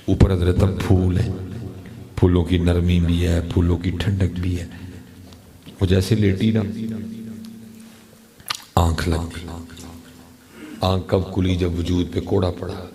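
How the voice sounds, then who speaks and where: Deep gravelly preacher. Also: male voice. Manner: dramatic storytelling with acted dialogue and chanted verse. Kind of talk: sermon storytelling.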